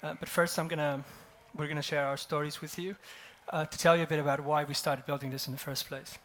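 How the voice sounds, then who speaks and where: Wry, fairly high-voiced man giving a talk. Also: little pitch movement, fast, a bit bright. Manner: wry, self-deprecating, laughs at his own story. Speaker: conference speaker, company co-founder. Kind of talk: conference talk with personal anecdote. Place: conference stage.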